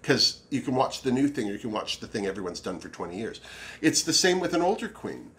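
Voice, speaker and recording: A man chats casually as a campy drag queen. His pitch swings widely and he leans on words with drawn-out emphasis. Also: sing-song, a bit bright. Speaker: drag show review co-host. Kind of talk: casual chat.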